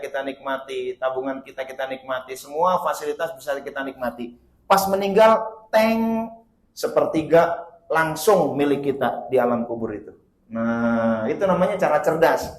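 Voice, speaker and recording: A man preaching a sermon, telling stories in a lively way and rising loudly for emphasis. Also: on the high side. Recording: roomy hall echo.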